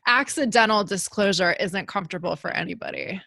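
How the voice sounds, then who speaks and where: A woman hosting a podcast about infidelity, speaking in an earnest, engaged way and offering quick agreement. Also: mid-range voice, creaky, sharp tone, no echo. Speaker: podcast host, infidelity therapist. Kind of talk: conversational podcast interview.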